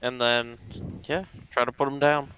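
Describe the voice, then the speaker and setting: A man's voice: medium pitch, fairly even intonation, normal speed, bright, forceful tone, a little hiss or hum. A man playing a tabletop game, thinking aloud in casual talk.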